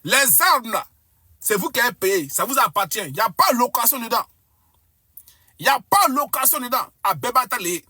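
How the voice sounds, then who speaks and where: A woman's voice: on the high side, animated, normal speed, pushed and bright, slightly rough, no room sound, clean studio sound. A woman giving fervent, boastful commentary to viewers, piling up exaggerated claims. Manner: emphatic, boastful, hyperbolic.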